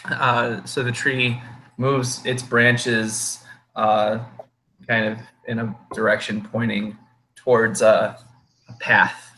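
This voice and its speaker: Male game master, slow and halting, bright edge to the voice, faint noise behind. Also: medium pitch, flat delivery, rough recording. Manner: halting, improvised delivery. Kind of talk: improvised tabletop game narration.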